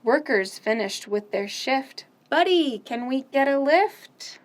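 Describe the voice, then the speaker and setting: Reading picture books aloud at a children's storytime, a woman sings nursery songs in a lively, sing-song manner, adding loud, playful sound effects. Her voice is high-pitched and she takes her time.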